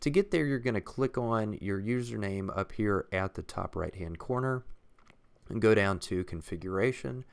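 Calm, methodical man with a smooth low voice. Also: moderate pace. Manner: calm, methodical, explains step by step. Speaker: software tutorial instructor. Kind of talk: screen-recorded software walkthrough. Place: at a computer, voice-over on screen recording.

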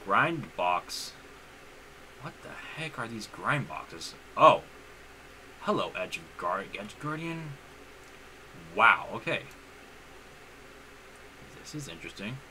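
A man's voice: lowish voice, big pitch swings, slow pace, pauses often, pushed and bright, a little hiss or hum, rough recording. A man giving casual let's-play commentary on his own channel, rambling, often restarting his sentences and leaning on "honestly.". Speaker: gaming YouTuber.

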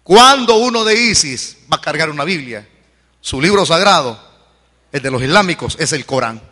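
A man preaching an evangelical sermon, fervent and repetitive, rising to shouted peaks. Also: a little high, expressive, normal speed, long reverb tail. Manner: fervent, swings to shouted peaks, repeats calls to convert.

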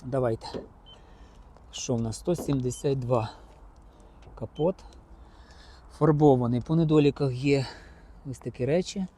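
A man's voice: mid-range voice, a little slow, long pauses, mellow, slight background noise. A man chatting casually to his viewers as he inspects used cars outdoors at a car market. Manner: chatty, addresses viewers directly as friends.

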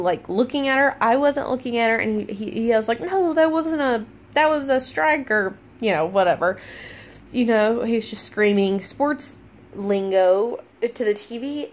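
A woman's voice: on the high side, a little mellow. A young woman from Alabama with a Southern American accent, rambling casually to her vlog audience with lots of fillers. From Alabama, USA. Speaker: vlogger.

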